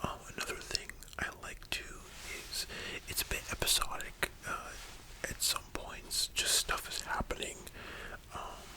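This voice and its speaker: An ASMR host whispering softly in a library-style whisper, chatting informally with slangy, opinionated fan commentary. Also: a little slow, low-quality recording. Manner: soft unvoiced whispering throughout.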